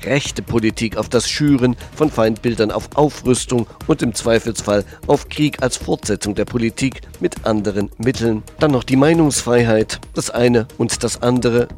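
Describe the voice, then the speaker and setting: A man's voice: mid-range voice, moderate pace, hardly any pauses, darkish tone, faint music behind. A man hosting a show, delivering polemical political commentary in a sarcastic, mocking manner. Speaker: host.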